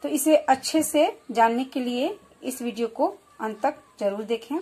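A woman giving a slow, clear children's lesson, explaining and repeating example words. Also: a little high, mellow. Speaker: primary school teacher.

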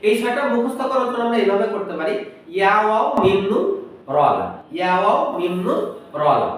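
A man teaching Quran pronunciation, spelling out each letter and vowel, then repeating the words slowly, sometimes in a chant. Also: high-pitched, expressive, heavy reverb, recorded from a distance, low-quality recording. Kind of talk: step-by-step pronunciation lesson.

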